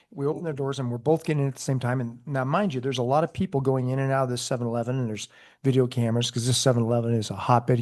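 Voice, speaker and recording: A man, a former police sergeant, co-hosting a casual chat and telling a story with laughter and loud quoted shouts. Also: mid-range voice.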